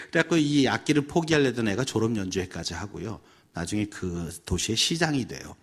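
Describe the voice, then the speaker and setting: Husky-voiced male pastor, animated lecture. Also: medium pitch. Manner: animated storytelling, acts out dialogue voices. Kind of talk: seminar lecture with acted quotes.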